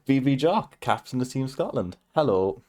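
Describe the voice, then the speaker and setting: A man's voice: mid-range voice, a little slow, darkish tone. A man hosting a stream, laid-back and casual, laughing between phrases. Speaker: streamer and host.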